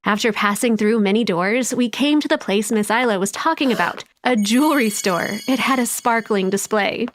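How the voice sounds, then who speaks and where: A woman's voice: on the high side, moderate pace, hardly any pauses, a little hiss or hum. A woman narrating a first-person storytime in a wide-eyed, dreamy way.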